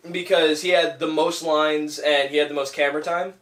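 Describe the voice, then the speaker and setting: A man's voice: on the high side, steady tone, moderate pace, fairly bright tone. Young man swearing, echoey room. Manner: rambling, swears a lot, many fillers. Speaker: podcast host and filmmaker. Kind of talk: casual chat. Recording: echoey room, far from mic.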